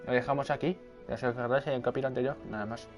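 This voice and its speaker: Man muttering low over gameplay at night, soft music under. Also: steady tone, rapid-fire. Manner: speaking quietly, muttering to himself. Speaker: gameplay video creator. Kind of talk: casual gameplay commentary. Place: home at night.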